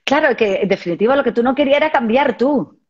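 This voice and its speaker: A woman's voice: on the high side, animated, quick pace, breathy edge. A woman hosting a casual conversation, bluntly asking reflective follow-up questions. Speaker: host. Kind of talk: interviewer in casual chat. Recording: dull lo-fi sound.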